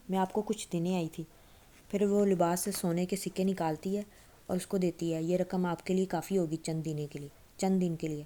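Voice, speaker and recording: A woman's voice: on the low side, dark tone. A young woman casually retelling a novel's plot in a loose, chatty way, often correcting herself mid-sentence. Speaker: novel recap storyteller.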